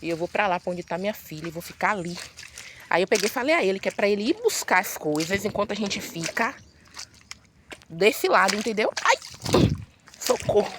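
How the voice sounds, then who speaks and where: A woman's voice: mid-range voice, expressive, fairly quick, background noise. A woman, a mother and vlogger, chatting casually to viewers as she walks outdoors through muddy woods, filming on a phone. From Bahia, Brazil. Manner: chatty, exclamatory, keeps calling out to viewers. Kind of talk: casual vlog narration to viewers.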